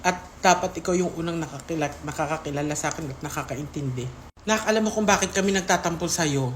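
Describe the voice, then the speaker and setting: A woman's voice: low-pitched, fast, slight background noise. Woman, shaky emotional voice, pleading, tender direct address, faint room ambience. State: voice shaking with emotion. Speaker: content creator. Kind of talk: emotional vlog statement.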